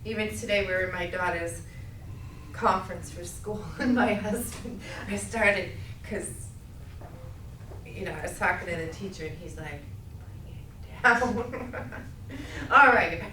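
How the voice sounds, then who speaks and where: A middle-aged woman with a Massachusetts accent teaching a speech class, loud and projecting, checking in with "okay?" as she goes. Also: fairly low pitch, unhurried, long pauses, distant mic, background noise. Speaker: college speech instructor. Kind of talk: classroom lecture. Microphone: camera at a distance. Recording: echoey classroom recorded from afar.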